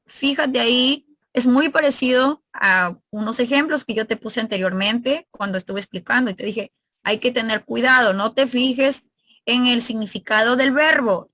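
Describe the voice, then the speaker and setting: A woman's voice: on the high side, pushed and bright, no echo. A woman teacher leading an online exam review class, asking her students questions and explaining grammar step by step.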